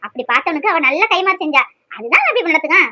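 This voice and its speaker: A woman voicing a sharp-tongued, dramatic middle-aged mother in a cartoon, scolding and lamenting. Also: very high voice, very animated, fast talker, muffled recording, exaggerated voice. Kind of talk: cartoon voice acting.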